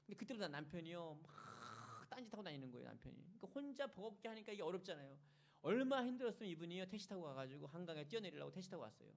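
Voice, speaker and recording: A man's voice: fairly high pitch, sing-song, rapid-fire, vocal fry, few pauses. A male pastor preaching a Sunday sermon in a church, telling stories with dramatic, emphatic rises. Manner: dramatic storytelling, emphatic and rising. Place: church sanctuary.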